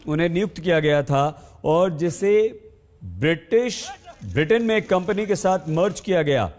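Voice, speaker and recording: A male news anchor presenting a live breaking story in an urgent, insistent way. His voice sits a little high for a man, and he keeps restating the main facts to fill the air. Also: darkish tone. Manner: urgent, repeats key points while filling air time.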